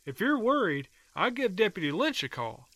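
A man's voice: high-pitched, big pitch swings, normal speed, fairly bright tone, no room sound, heavily acted. An actor playing a folksy, easygoing country man who calls in to a radio show, full of colorful sayings. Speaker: caller.

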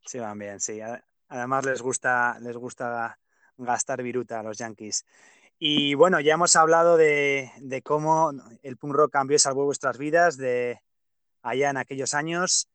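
In a dry recording, a man's smooth, mid-range voice comes across as a bit bright and measured in pace. He hosts a podcast from Pamplona, Spain, chatting casually in an interview, opinionated but hesitant and full of fillers.

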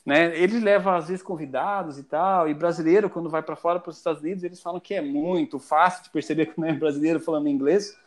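A man's voice: fairly high pitch, fairly even intonation, fast, hardly any pauses. A Brazilian man chatting casually as a podcast guest, rambling and restarting his sentences often. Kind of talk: casual chat.

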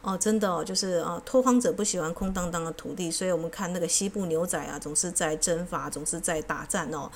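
Taiwanese woman, book-sharing host, earnest storyteller, low voice, faint hum behind. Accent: Taiwanese Mandarin. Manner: earnest storytelling, ends phrases with a soft drawn-out particle. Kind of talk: casual book sharing with read-aloud passages.

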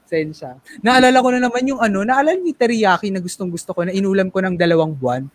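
A man's voice: sits high, fast. A young man chatting with friends, joking and playfully defending himself. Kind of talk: casual chat.

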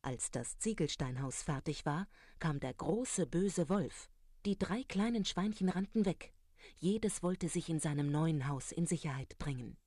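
A storyteller reading a fairy tale aloud in a calm, even manner. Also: medium pitch, measured pace, no room sound, studio quality.

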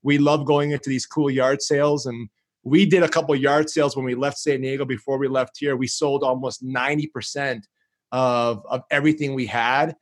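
A Greek-born man whose first language is Greek, a marketing agency founder, chats casually as a podcast guest. He often repeats words when starting a thought, speaking at medium pitch with a steady tone and normal speed.

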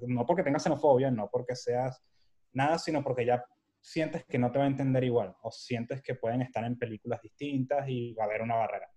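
A man from Venezuela with a Venezuelan accent, a guest telling his story in a casual interview and acting out the dialogue in his anecdotes. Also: mid-range voice. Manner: animated storyteller who acts out quoted dialogue. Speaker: guest photographer.

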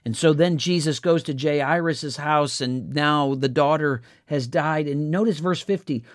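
A man's voice: on the high side, measured pace, dry recording, studio quality. A man leading a Bible devotional, walking earnestly through scripture verse by verse. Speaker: devotional teacher.

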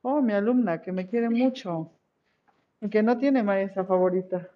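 A woman's voice: medium pitch, unhurried. Encouraging woman teacher, lo-fi audio. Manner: encouraging, checks with "¿vale?". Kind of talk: online class.

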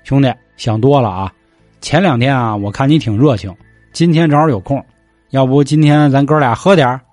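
A blunt, hard-drinking judge of the underworld, put on by a man, speaking a little lower than the storyteller's own voice. He swears freely and talks to his friend with rough brotherly banter. The voice sounds close and dry, with faint music behind. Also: normal speed, a little mellow, no room sound, close to an everyday voice. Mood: jovial.

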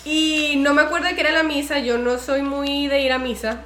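A woman co-hosting a casual podcast, telling stories in an animated way and acting out other people's voices. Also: high-pitched, fairly quick, echoey room, a little hiss or hum. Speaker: podcast co-host.

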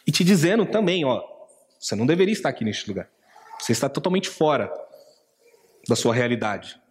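A man's voice: fairly high pitch, long reverb tail. A man preaching a sermon, earnest, acting out the taunting inner voice in quoted asides. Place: church.

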